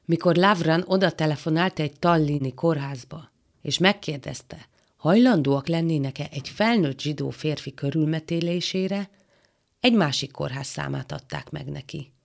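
A woman reading a literary novel aloud as an audiobook narrator, in a calm, measured way. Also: low-pitched, gravelly.

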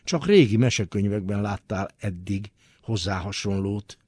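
A man giving a dramatic literary reading, expressive and swinging between hushed and forceful delivery. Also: lowish voice, slightly rough, no echo. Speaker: reader.

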